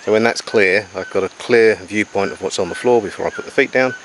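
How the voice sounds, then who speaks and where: Male outdoor jungle vlogger, lowish pitch, matter-of-fact and unscripted, talking to camera over faint cricket and insect ambience. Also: fairly quick, fairly bright tone, slight background noise, low-quality recording. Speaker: survival diarist presenting to camera. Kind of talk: outdoor vlog, casual explaining to camera. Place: outdoors in jungle beside a river.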